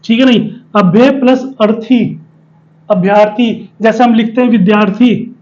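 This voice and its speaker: A man's voice: high-pitched, a little slow, a little mellow, dull audio. A man teaching a spelling lesson, explaining step by step and often asking questions and answering them himself. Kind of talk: spoken Hindi spelling lesson at a board.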